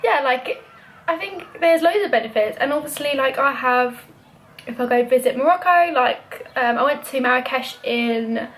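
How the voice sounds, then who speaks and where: A young British woman vlogs casually and openly, filling her chat with "like." Her voice sits high with a fairly bright tone at a moderate pace, on a low-quality recording.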